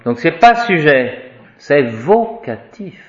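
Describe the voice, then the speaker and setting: A man with a highish, very animated voice teaches a class Latin grammar, chanting declensions and explaining each word slowly and deliberately. The recording has a dull, lo-fi sound in an echoey room.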